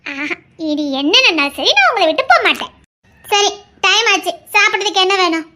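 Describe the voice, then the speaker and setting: A woman's voice: very high-pitched, expressive, brisk, pushed and bright, a little hiss or hum, exaggerated voice. A woman voicing a stubborn, loving young wife in an audio drama, talking earnestly and insistently. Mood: devoted, pleading.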